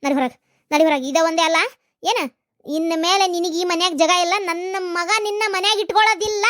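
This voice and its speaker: A woman with a North Karnataka Kannada accent voicing a fierce, scolding middle-aged mother-in-law in a cartoon, in a shrill, harsh manner. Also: quick pace. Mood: accusing. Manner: harsh, accusing, loud scolding. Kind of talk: cartoon voice acting.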